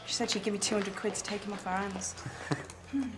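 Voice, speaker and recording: A woman's voice: medium pitch, level tone, a little fast, heavy background noise, lightly acted. An actress playing a nervous, chatty young woman in a TV soap who rambles and puts herself down. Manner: chatty, rambling, self-deprecating. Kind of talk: TV soap acting.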